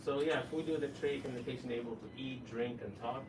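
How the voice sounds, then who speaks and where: A man with explains patient care in a halting, reassuring way. His mid-pitched voice sits away from the mic in an echoey room, with noise over the recording. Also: steady tone, far from the mic. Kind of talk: informal medical consultation.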